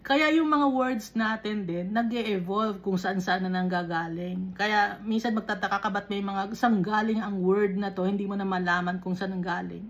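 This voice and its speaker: Over dull-sounding audio, a woman with a mid-range voice leads a Taglish Bible study. She explains slowly and stops often to make sure her listeners are keeping up.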